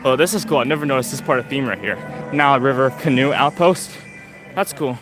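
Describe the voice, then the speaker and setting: A man's voice: mid-range voice, brisk. A young man casually rambling through a live walkthrough of a theme park, recorded outdoors on a handheld phone. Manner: rambling, chatty, lots of fillers. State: out of breath. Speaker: vlogger livestreaming a theme park walk. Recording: phone livestream outdoors with loud music. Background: loud park music.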